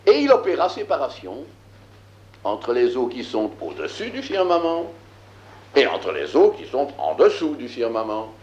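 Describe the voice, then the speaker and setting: A man teaching a lesson, reading scripture aloud and explaining it, slow and emphatic, with frequent filler words. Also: medium pitch, huge pitch swings, a little mellow, roomy sound, highs cut off, slight background noise. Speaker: Bible teacher.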